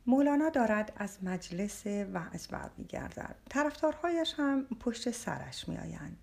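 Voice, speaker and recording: A woman's voice: mid-range voice, very animated, creaky, a little mellow. A woman voicing a teasing man in a tavern who reassures his friend, in a storybook reading. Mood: reassuring.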